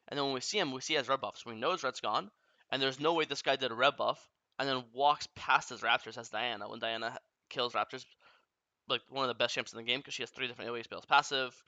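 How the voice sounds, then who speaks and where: Here a young man rapidly breaks down a game replay, blunt and casually profane about each error. The recording is dry and echo-free, with his bright, forward mid-range voice slightly muffled and dull at the top.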